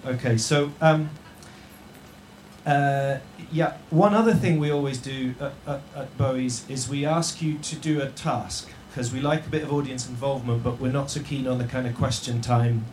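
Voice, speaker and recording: Brief: male live-event host, mid-pitched, wry and stop-start, recorded in an echoey yurt. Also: darkish tone. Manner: jokey, halting, with many restarts and fillers. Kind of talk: live stage hosting to an audience. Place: yurt venue with a live audience. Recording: roomy tent echo, faint noise.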